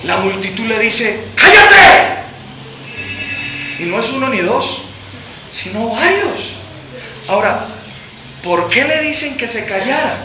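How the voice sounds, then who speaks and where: A man pastor preaching a sermon in a church hall, impassioned and alternating between loud and soft. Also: extremely high pitch, lively intonation, unhurried, long pauses, heavy background noise. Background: congregation answering.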